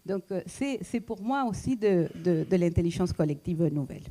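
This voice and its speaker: A woman with a foreign accent giving a reflective public talk, pausing often with fillers and restarts. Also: fairly low pitch, expressive, mellow. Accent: foreign accent in French. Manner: hesitant, many fillers and restarts. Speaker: speaker at a talk, economist.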